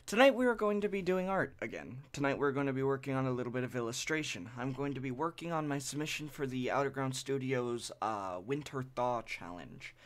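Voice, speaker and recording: A sniffly young man, stuffed up from allergies, chats casually while drawing on his live stream, with soft background music and a little hiss or hum in the audio. His mid-range voice has lively intonation as he rambles, halts and restarts often, sounding apologetic and self-deprecating.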